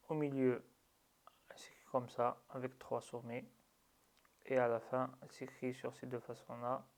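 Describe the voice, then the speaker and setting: A man teaching a slow, patient lesson, drilling syllables with long drawn-out sounds. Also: medium pitch. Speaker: Arabic reading teacher.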